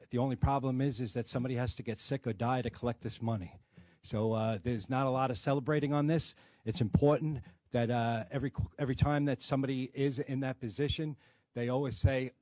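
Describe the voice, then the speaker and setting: A man's voice: mid-range voice, a little mellow, no echo. Plainspoken Brooklyn-accented union man. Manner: plainspoken, many fillers and restarts. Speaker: firefighters' union president. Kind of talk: press conference speech.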